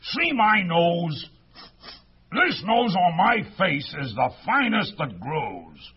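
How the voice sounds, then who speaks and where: A man voicing a big, pompous male bear who brags in a drawn-out way in a storybook reading. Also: high-pitched, sing-song, slightly rough, dull audio, voice pushed up, full character voice. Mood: boastful. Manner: boastful, drawn-out.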